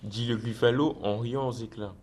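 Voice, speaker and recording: A man narrating a children's storybook in a steady, measured way. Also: mid-range voice, a little hiss or hum. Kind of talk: storybook reading aloud.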